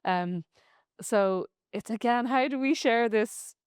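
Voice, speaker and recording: A woman hosting a podcast conversation about faith, speaking in a measured, reflective way. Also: on the high side, clear, resonant tone, no echo, studio quality. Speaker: podcast host.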